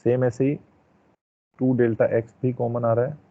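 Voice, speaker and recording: Slow Indian man, gravelly, on a tinny headset mic. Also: medium pitch, level tone, no echo. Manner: slow, drawn-out explaining with frequent check-ins. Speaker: teacher. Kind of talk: online class lecture.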